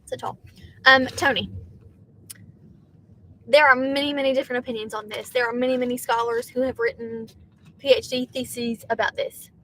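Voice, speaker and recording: Young Southern woman, chatty gig-driver streamer talking to her chat from a car, slightly high voice. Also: level tone, moderate pace, pauses often, pushed and bright, a little hiss or hum. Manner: chatty, reads viewer comments aloud. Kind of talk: casual livestream chat.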